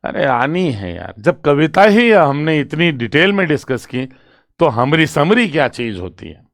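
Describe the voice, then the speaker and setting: A male literature teacher with a slightly high, very animated voice gives an exam-prep poetry lecture in a mix of Hindi and English, recorded in a clean studio with no echo. He reads the poem's lines slowly with stress, breaks down its structure on a board, and keeps asking students whether they follow.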